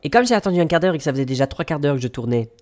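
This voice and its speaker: A man streaming, casually telling a story to his chat and acting out the people he met. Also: very fast. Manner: animated, acts out quoted people with jumps in pitch.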